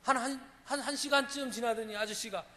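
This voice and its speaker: Bright-voiced pastor preaching in a reverberant church. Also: male voice, very high-pitched, fairly even intonation, fairly quick. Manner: emphatic storytelling with acted quotes. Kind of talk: sermon. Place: church sanctuary. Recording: church hall reverb, faint room noise.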